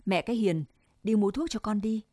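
A woman's voice: medium pitch, normal speed, dark tone, dry recording, clean studio sound, close to an everyday voice. A woman reading the part of a stern, insistent old grandmother in a told story, speaking firmly. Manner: firm, scolding.

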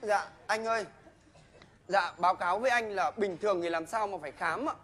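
A man's voice: high voice, brisk, sharp tone, slight background noise. An actor playing a timid, evasive male patient who pleads and stammers through excuses in a live comedy sketch. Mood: sheepish. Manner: pleading, hesitant, rambling excuses. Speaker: comic actor.

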